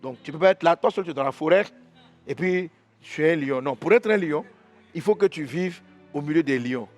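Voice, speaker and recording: A man preacher telling an animal story in a lively way during a devotional sermon in a church. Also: a little high, brisk, soft background music.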